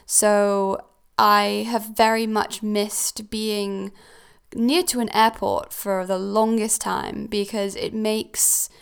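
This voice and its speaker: A young woman raised in Switzerland talks through a relaxed solo podcast episode at home. Her voice is smooth and clear with a steady rasp of fry at the ends of phrases. She rambles comfortably, dropping ums and correcting herself mid-sentence. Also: mid-range voice. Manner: chatty, with frequent ums and self-corrections. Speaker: podcast host. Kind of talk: casual solo podcast talk. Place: new house.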